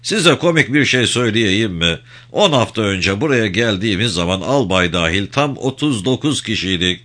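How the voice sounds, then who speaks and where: A man's voice: fairly low pitch, lively intonation, moderate pace, sharp tone. A man reading an audiobook, voicing a bitter army sergeant who mocks an officer. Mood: mocking. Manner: sarcastic.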